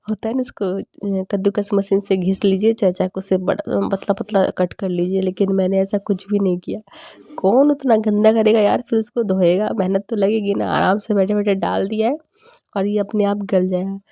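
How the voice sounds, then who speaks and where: Chatty woman with a gravelly voice. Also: mid-range voice, warm tone, no echo, clean studio sound. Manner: chatty, laughs often. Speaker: vlogger. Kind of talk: casual cooking vlog narration.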